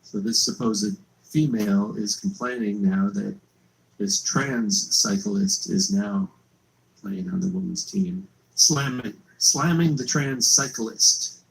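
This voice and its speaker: A man's voice: on the low side, vocal fry, rough recording. A man giving dismissive, mocking commentary in a video played during the stream.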